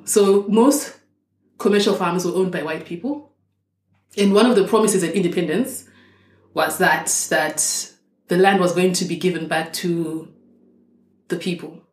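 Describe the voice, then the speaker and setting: A young Zimbabwean woman who works as a doctor speaks as a guest in a casual interview, her voice fairly low and somewhat dark. She is thoughtful and explains things at length, often restarting her sentences, and the room sounds echoey.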